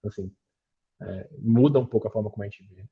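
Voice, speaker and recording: A man's voice: on the low side, fairly quick, vocal fry, breathy edge, lo-fi sound. A man leading a book study discussion, explaining his ideas thoughtfully and often checking in with tag questions.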